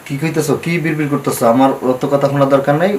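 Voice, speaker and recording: A man's voice: a little high, fairly even intonation, racing, a little mellow, a little hiss or hum, lightly acted, low-quality recording. An actor playing a pushy, greedy male moneylender who talks bluntly in dialect. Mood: demanding. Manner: blunt, demanding, coarse dialect. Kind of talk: TV drama acting.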